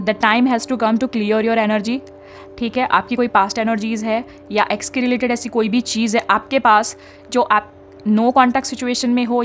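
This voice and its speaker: A young woman, giving chatty spiritual guidance as a tarot reader and often checking in with her listeners. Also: fairly high pitch. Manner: chatty, mixes English into talk, frequent tag questions.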